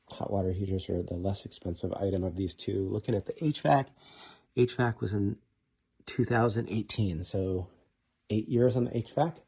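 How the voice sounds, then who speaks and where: A man casually narrating a walking tour of a house, offhand and relaxed with frequent ums. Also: on the low side. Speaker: home tour host. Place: inside a house being toured.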